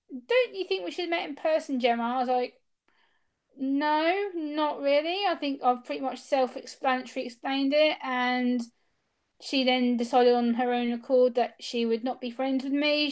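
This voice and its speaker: A woman's voice: sits high, clear, resonant tone. A woman speaking openly and earnestly as an interview guest, with hesitant restarts, over a video call. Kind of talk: candid personal interview.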